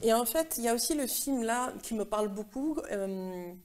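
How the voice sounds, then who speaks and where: A woman's voice: a little high, lively intonation, moderate pace, slight background noise. A woman hosting a talk show, who keeps affirming her guests and often agrees with them. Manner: warmly affirming, frequent agreement. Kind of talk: casual chat.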